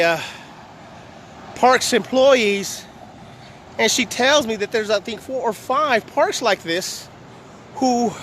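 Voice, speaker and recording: A man vlogs while walking through a park next to a long row of cars, panting and speaking bluntly, even combatively. His voice is high and a bit bright, and light street noise carries in the background.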